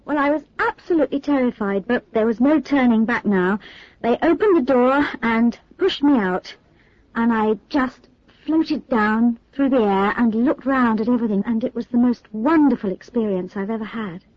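A woman's voice: fairly high pitch, normal speed, dry recording, lightly acted. A woman playing an adult recalling her first flights, telling it in an effusive, storytelling way in a dry, muffled studio recording. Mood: delighted. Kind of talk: scripted listening exercise monologue.

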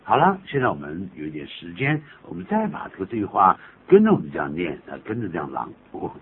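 A low-pitched man teaches English phrases on a radio show, his voice swinging up and down as he jokes through examples. The sound is thin and phone-like, with a faint hiss underneath. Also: fast talker. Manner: jokey, animated, laughs at his own examples. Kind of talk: radio English lesson, chatty explaining.

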